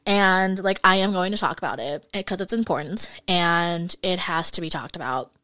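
Podcast host, woman, mid-20s, chatty and candid, clear smooth tone, dry close mic. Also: on the low side, moderate pace, bright, forceful tone, dry recording. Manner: chatty, frank, fillers like "like" and "you guys". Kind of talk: casual solo podcast monologue.

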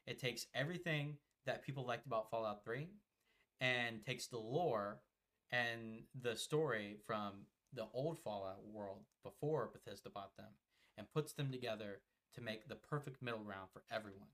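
A man's voice: medium pitch, moderate pace, fairly bright tone. A young man co-hosting a podcast, chatting casually about a video game while playing, rambling with lots of fillers and swearing. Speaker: podcast co-host.

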